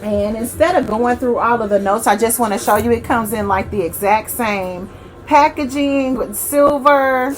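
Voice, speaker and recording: A woman with a slightly high voice talks her way through a perfume review in casual, rambling chat. She corrects herself as she goes and addresses her viewers fondly. Soft music plays faintly underneath. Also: moderate pace. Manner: chatty, rambling, self-correcting, affectionate. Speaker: fragrance reviewer.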